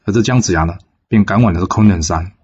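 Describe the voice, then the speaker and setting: A man casually narrating a classic folk tale in a relaxed, filler-heavy way. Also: low voice, fast talker, breathy edge, highs cut off. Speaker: storyteller.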